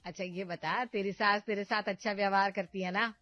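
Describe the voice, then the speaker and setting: A woman's voice: mid-range voice, steady tone, brisk, dry recording, highs cut off, faint music behind, natural voice. Woman voicing a bossy scheming mother. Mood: sweetly scheming. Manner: loud, domineering, scolding.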